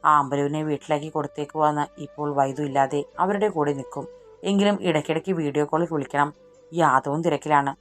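A woman narrator reading a romantic audiobook story in a low, steady voice. Soft music plays faintly beneath her narration throughout. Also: fast. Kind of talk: scripted narration.

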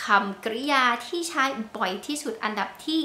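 A woman with a Thai accent, patiently explaining an English lesson in a slow, polite teaching manner. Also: on the high side, lively intonation, pushed and bright, roomy sound, slight background noise. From Thailand. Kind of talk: bilingual language lesson.

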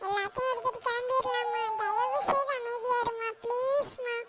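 A woman's voice: extremely high pitch, fairly even intonation, moderate pace, fairly bright tone. A woman voicing a boastful, jumpy young adult daughter in a cartoon, whiny and pleading one moment and full of big boasts the next. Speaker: cartoon character.

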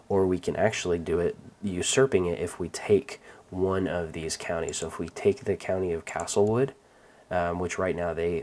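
A man hosting a let's-play, calmly talking through his moves with many ums and restarts. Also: low voice. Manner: relaxed, rambling, many fillers and restarts. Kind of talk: casual gameplay commentary.

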